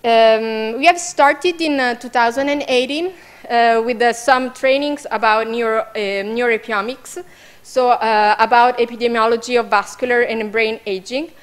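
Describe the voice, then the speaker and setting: A woman's voice: fairly high pitch, moderate pace, smooth. A woman with an Italian accent presenting training programs at an information session, hesitant with many fillers.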